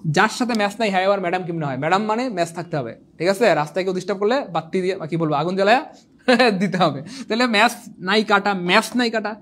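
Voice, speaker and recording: A young man who teaches an exam prep lecture in an animated, teasing way, repeating points and quizzing his viewers. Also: high-pitched, quick pace, a little hiss or hum. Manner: animated, repetitive, teasing, asks the viewers questions. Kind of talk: online lecture.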